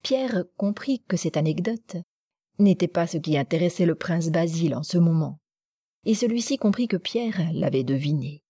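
A woman narrates a novel in an audiobook. Her voice is low-pitched, warm and mellow with a husky grain. The recording is close and dry. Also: expressive, normal speed, no room sound.

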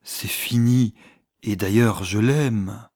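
A woman voicing an anxious, hesitant young man who thinks aloud in a low, slow voice. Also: warm tone, dry recording, studio quality, heavily acted. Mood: brooding.

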